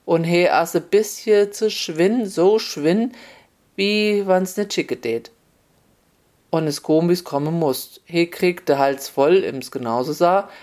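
Storyteller, folk tale narration, wry, relaxed, middling pitch. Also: takes it slowly.

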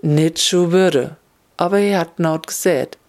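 Slow storyteller. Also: medium pitch, darkish tone. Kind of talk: dialect fairy-tale reading.

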